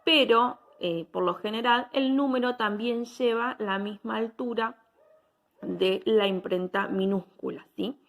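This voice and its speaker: Woman, drawing teacher, patient step-by-step explaining, slightly high voice. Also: a little slow. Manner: patient, checks in with "¿sí?" after each step.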